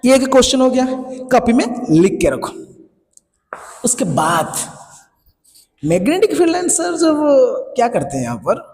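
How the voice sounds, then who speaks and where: A man's voice: very high voice, big pitch swings, normal speed, pauses often, darkish tone, a little hiss or hum. A man with an Indian English accent teaching a science class, repeating key points and quizzing students. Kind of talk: classroom lecture in Hinglish. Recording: echoey room with faint ambience.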